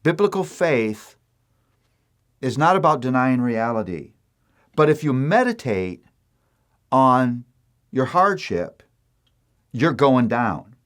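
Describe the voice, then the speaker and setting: A man giving a devotional sermon, earnest and emphatic, pausing deliberately, repeating key lines and reading scripture in a measured cadence. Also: mid-range voice, sing-song, fairly bright tone. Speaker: pastor.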